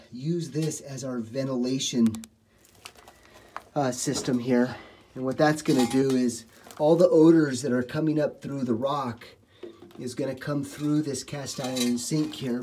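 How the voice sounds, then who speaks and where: Warm, steady and medium-pitched at a measured pace, a middle-aged contractor doing home repair guides listeners step by step through a job in a small basement. His plain how-to talk carries many "uh" fillers, and there's a little hiss or hum.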